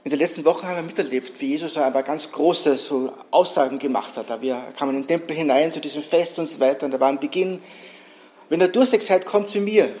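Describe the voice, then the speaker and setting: A man's voice: fairly high pitch, fast talker, hardly any pauses, a little mellow. A man preaching a sermon in a conversational way, often checking in with his listeners.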